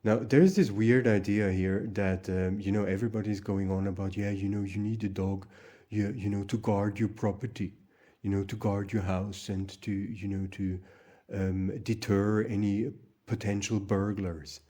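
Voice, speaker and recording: A man's voice: fairly low pitch, fairly even intonation, normal speed, mellow. A Hungarian-born man hosting his own channel, talking in a casual, rambling monologue full of fillers and restarts. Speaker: channel host.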